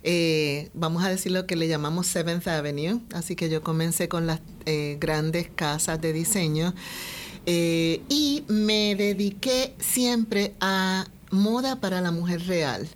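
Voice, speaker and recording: A Puerto Rican woman, a fashion designer, answering interview questions in a measured, thoughtful way. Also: on the low side, a little hiss or hum. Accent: Puerto Rican Spanish. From Puerto Rico.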